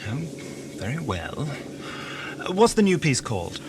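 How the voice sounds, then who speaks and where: A man playing a weary, philosophical time traveller in a theatrical, measured science fiction audio drama style. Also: medium pitch, huge pitch swings, noisy background. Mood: genial. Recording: music behind the voice.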